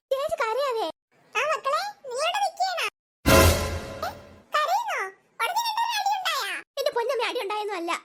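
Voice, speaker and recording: A squeaky, sky-high cartoon family of girls and their mother, all voiced by one woman. She snaps between shouty sibling bickering and soft cooing over babies. A steady hiss of background noise sits under the voice. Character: chatty young sisters and their mother. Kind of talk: animated cartoon voice acting. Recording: noisy home recording.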